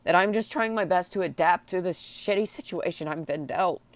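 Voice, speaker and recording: A woman crying and very upset, venting personally in a blubbering, tearful, halting way. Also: fairly low pitch, no room sound. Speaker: vlogger. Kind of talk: emotional personal vent to camera.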